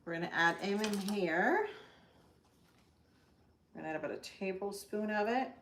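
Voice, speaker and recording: A woman's voice: medium pitch, moderate pace. An upbeat woman with a Spanish accent hosts a live cooking demo from her home kitchen. She chats with viewers, greets them by name and walks through each step. The room is echoey and a faint hiss sits under her voice. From Central Florida, United States. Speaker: host of a live cooking stream.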